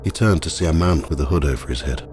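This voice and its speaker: A man narrating a scripted ghost walk as the guide, telling the stories in a measured, matter-of-fact way. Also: a bass voice. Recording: clearly noisy, ambient sound behind.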